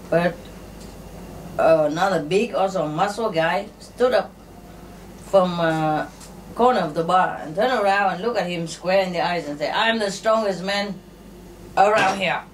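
A woman telling jokes and stories to an audience in a halting, unhurried way, with many fillers. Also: fairly low pitch. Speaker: spiritual teacher telling jokes. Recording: distant mic with faint ambient noise.

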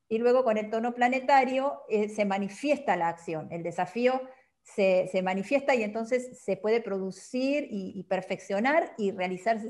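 A woman with a mid-range, slightly mellow voice gives a patient explanatory talk on a calendar system as a guest teacher. Her points often end on a questioning tag.

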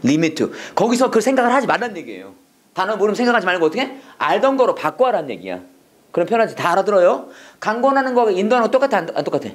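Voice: mid-range voice, very animated, very fast. A Korean speaker teaching English prayer phrases to a class, drilling lines and having students repeat. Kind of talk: classroom lesson, call and response drills.

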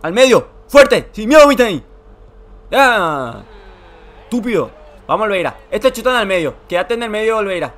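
A young man, giving excited, emotional commentary over a football video game he is playing. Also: high-pitched, normal speed. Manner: emotional, shouts and groans at every play. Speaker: gaming YouTuber.

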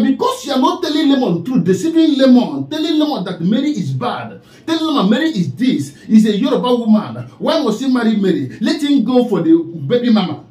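A man's voice: extremely high pitch, a little mellow, echoey room, poor audio. A man with a Nigerian accent delivering a preachy, scolding commentary, repeatedly calling out the person he addresses. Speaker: online commentator.

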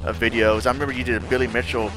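A man hosting a casual interview, an animated storyteller who laughs often and acts out quotes. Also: mid-range voice, very fast, over music. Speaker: podcast host.

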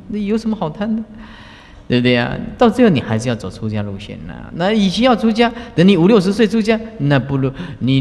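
A man, a Buddhist master, giving a folksy, teasing talk on the precepts to retreat participants. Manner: folksy, teasing, chuckling asides, lively swings in pitch. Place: large lecture hall. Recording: long hall reverb.

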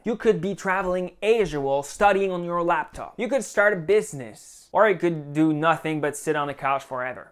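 A young man delivering a blunt, profane motivational advice monologue as a vlogger. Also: fairly high pitch.

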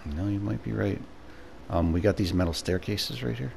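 A young man commenting on a game with a friend, swearing often and calling out tactics with excitement. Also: on the low side, moderate pace, gravelly, background noise. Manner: profane, excitable tactical callouts. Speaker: gamer streaming with a friend. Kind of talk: casual gaming commentary.

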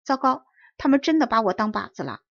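Storybook brave boy, eager and earnest, read by a woman with a husky voice. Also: a little high, animated, brisk, dull audio. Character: brave young Italian boy scout, eager, fearless.

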